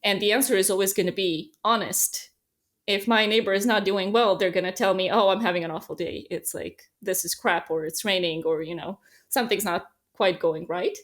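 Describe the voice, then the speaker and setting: Woman, guest in a relaxed interview, animated storyteller, middle-pitched voice. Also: a little fast. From Serbia. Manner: chatty, animated storyteller, many fillers. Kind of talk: casual interview chat.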